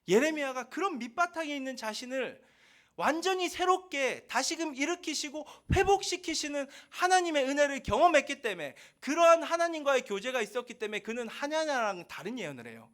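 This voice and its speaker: A man's voice: extremely high pitch, big pitch swings, brisk, fairly bright tone. A man pastor preaching a sermon in an earnest, emphatic way over a video call, often affirming with a short yes.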